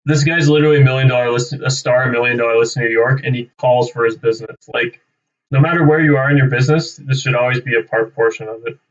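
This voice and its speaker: Picked up by a distant, slightly dull mic, this young man from Canada speaks quickly in a steady, medium-pitched voice. He's a realtor running a cold-calling livestream, rambling off the cuff and thinking out loud in a casual way, often ending lines with "right?".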